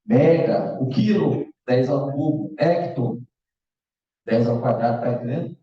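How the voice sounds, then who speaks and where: At a measured pace and medium pitch, a man teaches math in an easygoing online exam-prep lecture, checking with his students all the time. The recording has a dull, echoey, distant lo-fi room sound.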